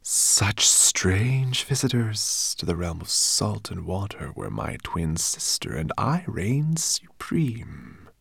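A man voicing an ancient female sea serpent, sly and amused, with a soft, hissing, sing-song whisper. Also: lowish voice, vocal fry, slightly rough, no echo, heavily acted.

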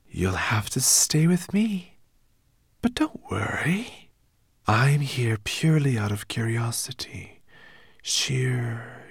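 A man voicing an ancient female sea serpent, sly and amused, with a soft, hissing, sing-song whisper. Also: mid-range voice, creaky, husky, dry recording, clean studio sound, pitched above the performer's own voice, heavily acted.

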